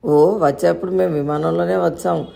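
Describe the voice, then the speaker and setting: A woman's voice: on the low side, steady tone, brisk, creaky, warm tone. A woman voicing a chatty, innocent young boy who asks questions and rambles on.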